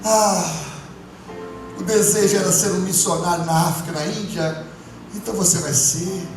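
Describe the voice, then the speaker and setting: A man, a pastor, giving an emotional testimony sermon, moving between hushed and loud. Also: high voice, fairly even intonation, moderate pace. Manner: impassioned, swinging from hushed to loud. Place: church. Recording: echoey church hall from far off, music behind.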